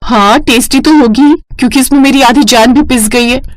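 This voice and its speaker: A woman voicing a tired, sharp-tongued young bride in a cartoon story, sarcastic and exasperated. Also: sits high, moderate pace, dry recording, pitched above the performer's own voice, lightly acted.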